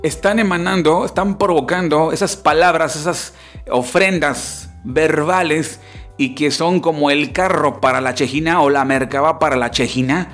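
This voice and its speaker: A man's voice: on the high side, moderate pace, a bit bright, faint music behind. A man giving a religious lecture, explaining scripture step by step and often asking his listeners rhetorical questions.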